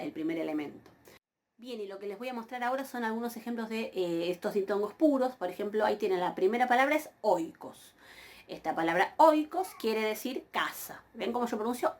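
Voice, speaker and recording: A woman giving a recorded university lesson on Greek pronunciation. She repeats each word slowly and keeps checking with her students. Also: lowish voice, creaky. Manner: patient, repeats words slowly with frequent "¿sí?" checks. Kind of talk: recorded lecture.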